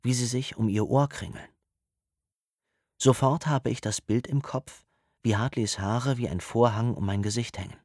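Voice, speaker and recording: A man reading first-person audiobook narration in a low, intimate, restrained way, with a husky voice. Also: steady tone, moderate pace, a little mellow, dry recording, studio quality.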